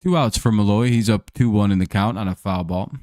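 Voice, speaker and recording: Brisk and slightly mellow, with a fairly low pitch and a steady tone, this live-stream host calls baseball in a dry, studio-quality recording. Between plays he jokes and chats with viewers in a laid-back manner, his voice showing some wear from a long day of talking.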